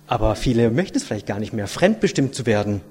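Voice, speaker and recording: Man, lay preacher, husky voice, earnest and reflective, rhetorical questions. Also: fairly low pitch, sing-song, fast, a little mellow. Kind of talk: sermon with a read-aloud story.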